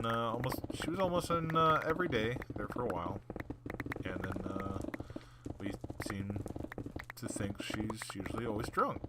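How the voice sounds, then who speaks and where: Over gameplay on his channel, a young adult man casually rambles through stories from work, full of filler words. His voice is lowish, the recording very noisy, with distinct clicking in the background.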